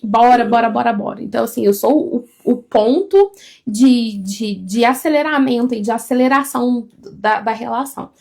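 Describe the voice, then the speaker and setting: A woman, co-hosting a casual live stream from home, talking loudly and expressively. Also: a little high, creaky. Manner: loud, expressive and fast-flowing.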